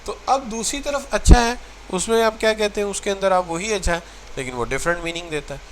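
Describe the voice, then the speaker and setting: A man's voice: high-pitched, a little hiss or hum, rough recording. A man teaching a recorded lecture to students, mixing English terms into his talk and repeating phrases to show how tone changes meaning. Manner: mixes English terms into Urdu, addresses students as children.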